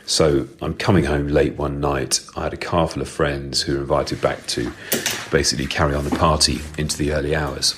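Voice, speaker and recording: A middle-aged man speaking through a voice changer that makes him sound very deep, telling a rambling story in a recorded voice message as a listener. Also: little pitch movement, a little fast, hardly any pauses, fairly bright tone, a little hiss or hum. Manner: chatty, rambling storyteller with filler ums. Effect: voice changer pitching the voice very deep.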